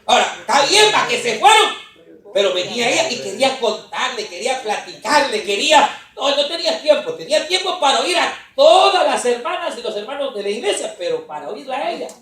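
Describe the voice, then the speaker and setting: A male pastor delivers a lively sermon, his pitch leaping up and down as he tells stories and calls out to the congregation. He sounds distant from the mic, and his voice rings around a very echoey hall. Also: brisk. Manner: animated storytelling preacher, often calling out to the congregation. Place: church conference hall.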